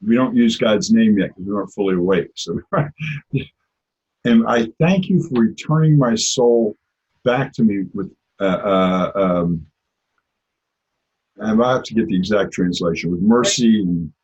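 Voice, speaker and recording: A man's voice: on the low side, a little slow, long pauses, darkish tone, breathy edge. A man teaching an informal religious class, talking in a conversational way and telling personal stories. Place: lives in Israel. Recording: dull lo-fi recording.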